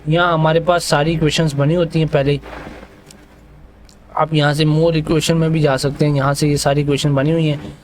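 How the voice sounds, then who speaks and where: A man tutoring students through a screen-recorded software lesson, casual and thinking aloud as he clicks through menus, with English terms mixed into his speech. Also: fairly high pitch, little pitch movement, fairly quick, slight background noise.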